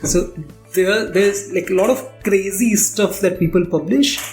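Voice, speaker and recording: Answering interview questions as a founder, a man with an Indian accent explains things candidly and repeats phrases to stress them. His voice sits high and is a little mellow, at a measured pace. There's a roomy echo and music playing underneath.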